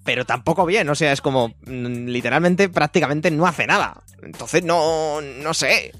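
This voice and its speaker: A man with a Spain Spanish accent, hosting a casual film review chat, blunt and quick to swear. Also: a little high, a bit bright, soft background music. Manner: blunt, swears freely, rants.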